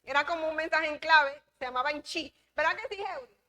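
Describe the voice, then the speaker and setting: A woman's voice: sits high, fairly quick, bright, forceful tone. A woman from the Republic, teaching a church Bible class in an emphatic way, repeating key phrases and asking the class questions. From Dominican Republic.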